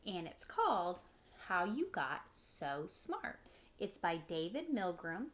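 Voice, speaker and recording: In a living room at home, a teacher reads a picture book aloud to children in a low, slow voice. She reads expressively and adds short, simple explanations for the kids.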